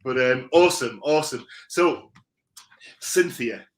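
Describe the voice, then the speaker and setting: A man's voice: mid-range voice, lively intonation, unhurried. Upbeat male livestream host. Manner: upbeat, enthusiastic, frequent fillers. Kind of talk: live interview.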